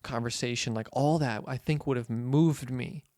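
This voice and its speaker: A man's voice: mid-range voice, normal speed, a little mellow, no echo, studio quality. A man co-hosting a casual film podcast, talking in an easygoing, agreeable way and laughing often. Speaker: podcast co-host.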